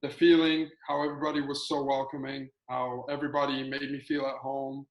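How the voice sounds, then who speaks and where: A man's voice: mid-range voice, little pitch movement, fairly quick, dull audio. A young man from Colombia, a student athlete talking eagerly over a video call, with lots of fillers and restarts. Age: young adult. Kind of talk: casual video-call chat. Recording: roomy video call audio.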